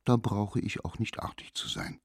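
A man's voice: lowish voice, sing-song, moderate pace, creaky, husky, no echo, studio quality, voice pushed up, exaggerated voice. A man reading as a stubborn, scheming little child.

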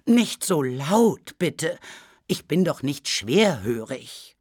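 A narrator voicing a drowsy, grumpy old baroness woken from sleep. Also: female voice, deep voice, big pitch swings, takes it slowly, a little mellow, slightly rough, no room sound, studio quality, full character voice. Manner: sleepy grumbling.

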